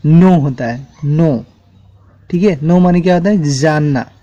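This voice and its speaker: A man's voice: on the high side, measured pace, dark tone, lo-fi sound. A man teaching an English spelling lesson at a board, spelling words out letter by letter and checking in with the class often.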